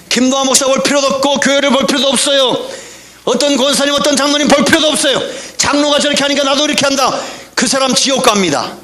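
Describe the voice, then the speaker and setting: A man preaching a fiery sermon as pastor, breaking into shouted bursts and throwing rhetorical questions at the congregation. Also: extremely high pitch. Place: church sanctuary.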